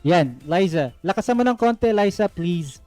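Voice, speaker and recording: A man's voice: high-pitched, animated, normal speed, dark tone, soft background music. A man hosting and judging an online singing contest live, giving friendly coaching feedback, often checking "okay?" and mixing in English phrases. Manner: mixes English phrases into his talk. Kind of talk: live-streamed contest hosting with phone calls.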